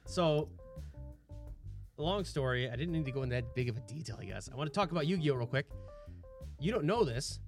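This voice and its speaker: A man's voice: fairly high pitch, expressive, fairly quick, pauses often, faint music behind. A man in his thirties from Michigan, co-hosting a casual podcast chat and retelling stories with animation. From Michigan, USA. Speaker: podcast co-host.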